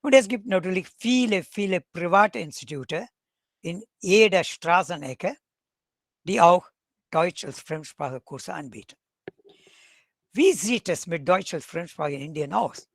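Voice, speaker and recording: A high-voiced, expressive professor speaks unhurriedly in an academic webinar talk. He's from South India, Tamil is his first language, and he has an Indian accent, switching between German and English with wry, dry asides. There's no room sound.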